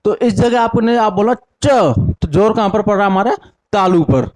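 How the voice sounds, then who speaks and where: A young man teaching a lesson with a north Indian Hindi accent. He asks each question, answers it himself, repeats the answer, and sounds out syllables slowly one by one. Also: sits high, darkish tone. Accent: Hindi-speaking north Indian. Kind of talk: classroom lesson with call-and-response drills.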